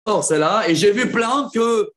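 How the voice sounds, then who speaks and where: A rabbi teaching a group with real enthusiasm, his fairly high voice bright with praise. He moves quickly between rulings and side remarks, checking in with his students as he goes. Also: animated. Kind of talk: lively halakha lesson with students.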